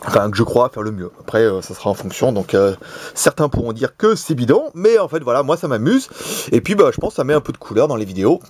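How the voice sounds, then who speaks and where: A man's voice: mid-range voice, big pitch swings, fast, a little mellow, slightly rough, no echo. Guy from lyon doing a hammed-up southern french accent, chatty gadget review, voice swings all over, dry close sound. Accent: put-on southern French. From Lyon, France. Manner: jokey, chatty, many fillers. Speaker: tech reviewer, show host. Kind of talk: casual product review. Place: office in Shenzhen.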